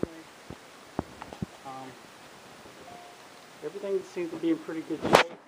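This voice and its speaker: A man's voice: on the high side, normal speed. A man giving a casual walk-through commentary inside a small empty trailer, recorded on a handheld phone. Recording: noisy handheld recording with clicks.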